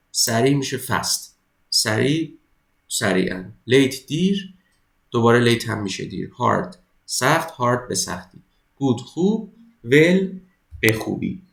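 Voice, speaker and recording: A man teaching an English exam-prep lesson, reading each English sentence slowly and then explaining it in Persian. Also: medium pitch, vocal fry, roomy sound, poor audio.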